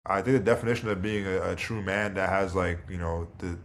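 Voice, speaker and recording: A man in his thirties with a very low voice talks as a podcast guest. His delivery is relaxed and thoughtful, with easy filler words. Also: brisk, a little hiss or hum. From Toronto, Canada. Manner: relaxed and reflective, leans on "you know" and "like". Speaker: guest, pro basketball player. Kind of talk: casual interview.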